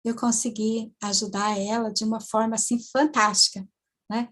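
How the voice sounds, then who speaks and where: A woman, a hypnotherapist telling a client's story in a halting way, full of tag questions and restarts. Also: a little high, little pitch movement, a bit bright. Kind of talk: storytelling lecture to students.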